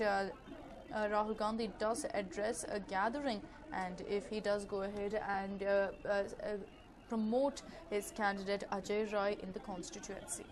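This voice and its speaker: A woman reporter with an Indian English accent delivers live news commentary in a medium-pitched voice. She builds her sentences on the fly, often stalling on drawn-out hesitations. Clear background noise runs behind her voice. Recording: clearly noisy live broadcast ambience.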